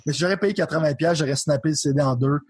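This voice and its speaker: A man's voice: a little high, fast talker, slight background noise. A young man with a Québécois French accent, chatting casually about video games, loose and profane, dropping English words into his talk. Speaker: podcast co-host.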